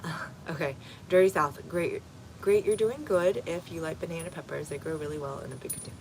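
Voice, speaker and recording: A woman with a low voice chats through a livestream from her home garden, answering viewer comments one at a time with easy fillers. She talks outdoors into a phone, and steady outdoor noise runs clearly beneath her voice. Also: a little fast, low-quality recording. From Texas, United States.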